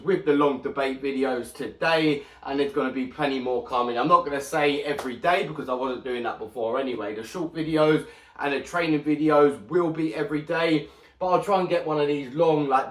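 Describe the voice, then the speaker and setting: A man's voice: mid-range voice, normal speed, recorded from a distance. Man, slight lisp, echoey room. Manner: chatty, swears freely, animated. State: sore mouth with a slight lisp. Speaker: boxing channel host. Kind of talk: casual solo podcast talk. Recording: echoey room, mic set back.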